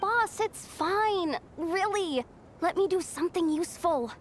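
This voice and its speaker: A woman's voice: very high-pitched, animated, measured pace, slight background noise. A woman voicing an eager, loyal young employee in a video game, earnest and chatty, anxious to please. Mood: eager, flustered. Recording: music behind the voice.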